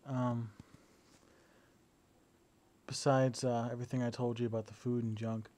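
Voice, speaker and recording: Hesitant young man, dark relaxed voice. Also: mid-range voice, unhurried. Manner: hesitant, many fillers and restarts; relaxed, lying down while talking. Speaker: video diarist. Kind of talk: casual personal video diary. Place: indoors, at home lying down. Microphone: battery-powered camera device.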